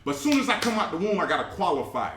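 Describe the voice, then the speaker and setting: An American-born man in a casual barbershop discussion, arguing point by point in an emphatic, lively way. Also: high voice, very fast. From United States. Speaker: podcast co-host. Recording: echoey room, faint noise.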